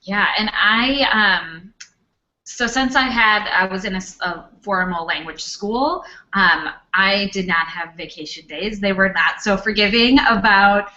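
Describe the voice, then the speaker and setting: A young woman, a former English teacher, speaks casually as a panelist in a Q&A, chatty and full of fillers. Her mid-range voice is unhurried, pushed and bright, captured in a dull lo-fi recording.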